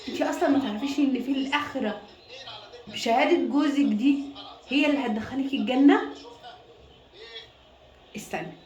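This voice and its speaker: A woman's voice: high-pitched, fast talker. A woman with an Egyptian accent giving insistent, preachy advice in a comic phone-call sketch. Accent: Egyptian Arabic. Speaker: wife in a comedy sketch. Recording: roomy echo with loud music behind.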